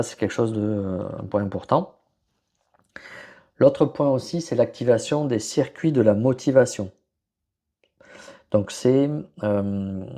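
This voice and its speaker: A man explaining leadership ideas in a hesitant solo talk, often pausing and searching for words. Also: on the low side, mellow. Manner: many fillers and restarts, searching for words. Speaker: podcast host presenting on leadership.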